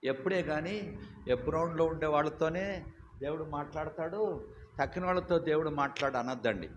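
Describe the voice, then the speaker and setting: Older male preacher, loud and emphatic storyteller, slight hiss behind. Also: a little high, normal speed. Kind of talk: sermon. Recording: dull lo-fi recording with faint hiss.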